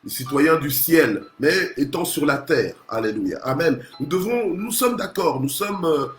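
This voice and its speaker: A man's voice: fairly high pitch, lively intonation, unhurried. A male pastor from Congo preaching a morning sermon, punctuating nearly every phrase with alleluia and amen and often restarting his words. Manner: restarts and repeats words while searching for phrasing. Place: church. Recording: roomy echoey church sound.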